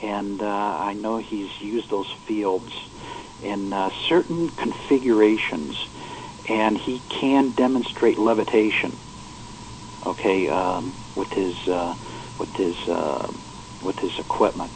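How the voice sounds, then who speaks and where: A man on the phone as a guest on a call-in radio show, speaking quietly and explaining haltingly with many fillers. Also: fairly low pitch, a little hiss or hum, rough recording. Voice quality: quiet, hard to hear on the line. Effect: over the phone.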